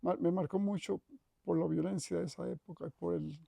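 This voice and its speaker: Being interviewed about his life, a retired professor from Costa Rica speaks in a Costa Rican Spanish accent, reflective and measured, with frequent restarts and self-corrections. He has a high, mellow voice with a steady tone and vocal fry, heard in a dry recording.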